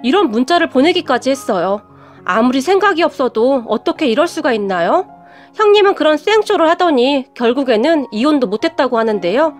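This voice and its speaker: A woman narrates a scripted first-person story, indignant and confiding. Her voice is high and swings widely in pitch. Soft background music plays throughout. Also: animated, a little fast.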